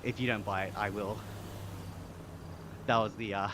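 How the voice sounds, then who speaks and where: A young Australian man from Sydney chatting casually on a live stream, relaxed and talkative as he reads and answers chat. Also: on the low side, moderate pace. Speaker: livestreamer. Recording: clear background noise with insects.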